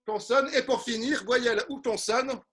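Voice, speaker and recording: A man's voice: very high-pitched, fairly even intonation, normal speed, a bit bright, slightly rough. A man hosting a parody word game over a video call from home, fussy and forever calling players who have dropped out. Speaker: game show host.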